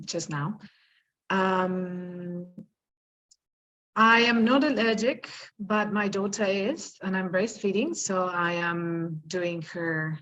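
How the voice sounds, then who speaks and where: A woman's voice: on the low side, fairly bright tone. A woman from Argentina introducing herself as a panelist over a video call, hesitant with many fillers. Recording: lo-fi shaky video call audio.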